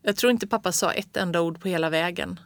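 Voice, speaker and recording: Calm storybook reader, dry sound. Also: medium pitch, no echo. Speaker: narrator. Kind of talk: storybook read-aloud.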